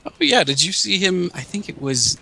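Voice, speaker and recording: A man in casual chat, excitable and searching for words. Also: sits high, moderate pace, vocal fry, a little hiss or hum.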